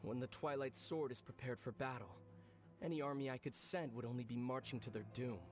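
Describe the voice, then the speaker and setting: An actor playing a proud warrior who challenges a rival in a cool, measured, commanding manner. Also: male voice, medium pitch, lightly acted. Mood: challenging. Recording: game cutscene with music.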